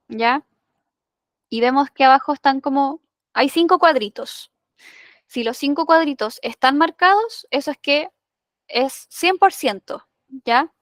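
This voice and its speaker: A woman's voice: sits high, no echo, clean studio sound. A woman teaching an English class, explaining patiently and checking in with "ya?".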